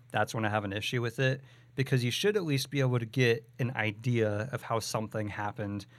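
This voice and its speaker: A man's voice: on the low side, fairly bright tone, dry recording. A man co-hosting a podcast, chatting casually about a movie and thinking aloud with many "like"s and "you know"s. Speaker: podcast co-host.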